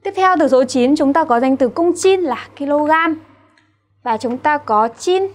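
High voiced vietnamese woman teacher going through new words, keeps checking her students follow. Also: lively intonation, a little slow, a little mellow. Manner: patient, asks rhetorical checks to students. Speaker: Chinese teacher. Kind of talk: classroom vocabulary lesson.

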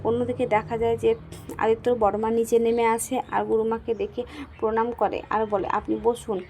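A woman's voice: a little high, flat delivery, fairly quick, dark tone, faint music behind. A woman casually retelling a TV serial episode, linking events one after another and reading out what the characters said. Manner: plain retelling that strings events together. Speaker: serial recap narrator. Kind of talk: casual storytelling recap.

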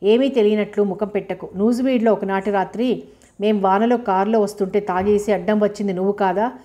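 Wounded, proud young woman, read by a woman narrator: curt and scornful, mellow tone. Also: medium pitch, fairly even intonation, fairly quick, lightly acted. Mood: bitter.

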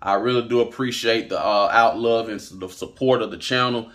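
A man's voice: medium pitch, fairly even intonation, fairly quick, a bit bright. Guy vlogging trucker advice, blunt and emphatic, keeps hammering his points home. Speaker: trucking channel host. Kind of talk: direct-to-camera advice vlog.

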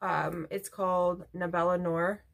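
A woman's voice: lowish voice, little pitch movement, unhurried, gravelly. A woman beauty vlogger chatting casually at home while doing her makeup, rambling into asides. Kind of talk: casual get-ready-with-me chat.

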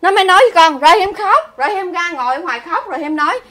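A woman vlogger, talking fast and animatedly in a casual chat as she explains and pleads. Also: extremely high pitch. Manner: animated, talks fast, acts out others' words.

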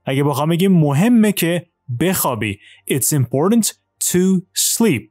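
A male English teacher giving a lesson, explaining quickly in Persian and reading English examples slowly and carefully. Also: fairly high pitch, big pitch swings, a little mellow, no room sound, clean studio sound, soft background music. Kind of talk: language lesson, switching between Persian and slow English.

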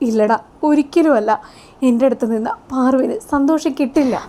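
A woman's voice: high voice, a little fast, warm tone, voice pushed up, natural voice. A woman voicing a resigned young man who gives up his love, speaking earnestly.

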